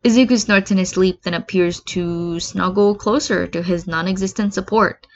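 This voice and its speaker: A woman reads fan fiction aloud as an amateur narrator, giving the story an expressive treatment. Her voice is medium in pitch, steady in tone, and moderately paced. The recording is slightly muffled and lo-fi.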